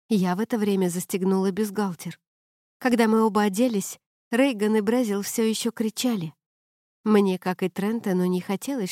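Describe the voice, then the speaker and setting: A woman reading a first-person novel as an audiobook narrator, in a steady, even way. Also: medium pitch, dry recording, clean studio sound.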